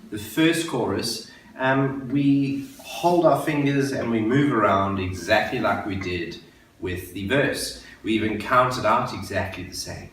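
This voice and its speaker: A man giving a patient, step-by-step guitar lesson for beginners, counting beats and repeating each step. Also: mid-range voice. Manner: patient, explains slowly and repeats steps. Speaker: guitar teacher. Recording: very echoey room, voice a bit far from the mic, guitar playing.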